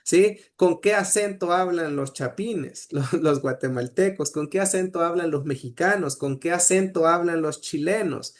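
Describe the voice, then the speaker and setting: A man's voice: fairly high pitch, normal speed, hardly any pauses. Man teaching with lots of "eh". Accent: Salvadoran Spanish. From El Salvador. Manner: hesitant, many "eh" fillers and "¿sí?" checks. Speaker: Nahuat language teacher. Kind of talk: online class lecture.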